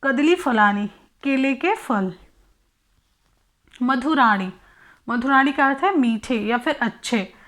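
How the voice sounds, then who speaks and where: A woman with a high, light voice walks slowly through a Sanskrit lesson, reciting word forms one by one. She talks at an unhurried pace, asks questions aloud and answers them herself, in a patient classroom manner. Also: lively intonation, a bit bright. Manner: methodical, recites word forms one by one and explains each in Hindi. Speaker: Sanskrit teacher. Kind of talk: exam-prep textbook lesson.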